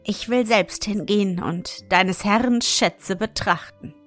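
A woman reading aloud, voicing a young princess in a storybook fairy tale, in a higher, alarmed voice. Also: slow, fairly bright tone, soft background music. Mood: delighted. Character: frightened young princess, easily charmed.

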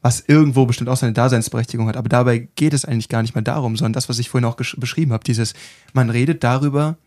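A man co-hosting a podcast as a self-defence trainer, explaining his views casually and tagging many sentences with quick questions. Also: mid-range voice, steady tone, darkish tone.

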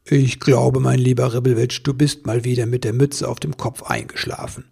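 A man voicing a jolly, gentle old Santa Claus in a storybook reading, warm and chuckling. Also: mid-range voice, little pitch movement, normal speed, vocal fry, husky. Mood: kindly.

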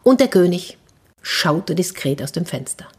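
Woman, children's storyteller, fairy tale reading, expressive, husky, lowish pitch. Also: unhurried. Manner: lively and expressive, with hushed asides.

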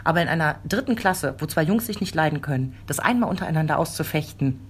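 A woman in her forties tells an anecdote in a relaxed conversation. Her voice sits a little low, and she brings the story alive by acting out quoted lines. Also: fast, slight background noise. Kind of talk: casual chat.

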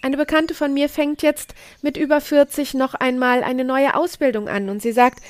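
Slow emphatic woman, higher voice. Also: steady tone, dry recording. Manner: slow, emphatic, repeats key phrases. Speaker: podcast host and coach. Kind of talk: motivational podcast monologue.

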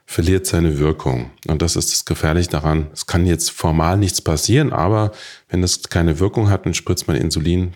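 A man's voice: low voice, a little mellow. Ein Arzt erklärt ruhig und sachlich, wie man Insulin spritzt und lagert. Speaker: diabetes doctor. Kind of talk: explaining to camera.

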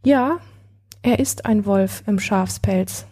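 A woman voicing a calm, kind confidant in a read-aloud story, speaking in a gentle and reassuring way. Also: medium pitch, slow, slightly rough.

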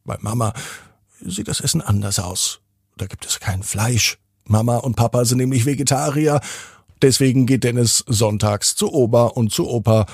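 A man reading a children's bedtime story with gentle storyteller pacing. His voice is gravelly and a little husky. It sounds close and dry over soft music. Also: medium pitch, dry recording. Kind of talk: scripted bedtime story narration.

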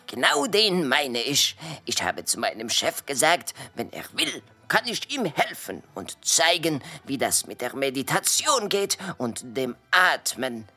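A woman voicing a kind male butterfly waiter with French touches in his German, soft and polite in a children's audio drama. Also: very deep voice, sing-song, unhurried, few pauses, husky, soft background music, exaggerated voice. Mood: troubled.

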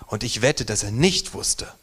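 A man preaching a sermon in a church, moving between strong emphatic stresses and quiet, near-whispered lines. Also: fairly low pitch, expressive, unhurried, husky. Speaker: pastor.

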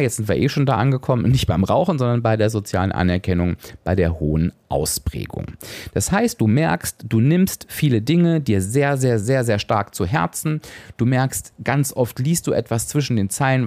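A man's voice: medium pitch, a little mellow, dry recording. A man hosting a solo podcast as a coach, speaking straight to the listener and often adding tag questions.

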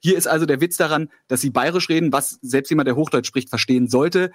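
Fast-talking male panelist, emphatic and argumentative, bone-dry mic. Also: a little high, no room sound. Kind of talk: casual debate on a game show panel.

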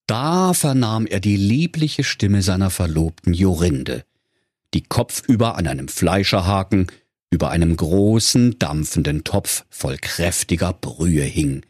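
A man tells a silly fairy tale with playful, animated storytelling. His lowish voice is slightly husky, recorded dry and close. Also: measured pace, dry recording. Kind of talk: comic fairy-tale narration.

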